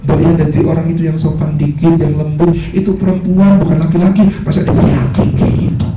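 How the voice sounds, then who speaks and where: A man's voice: a little high, fairly even intonation, brisk, lightly acted. Guy doing a sneaky devil whispering temptations, sweet-talking, echoey far-off live recording. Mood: coaxing. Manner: coaxing, insinuating whisperer. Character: sly wheedling male devil tempter. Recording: echoey hall, distant mic, noisy.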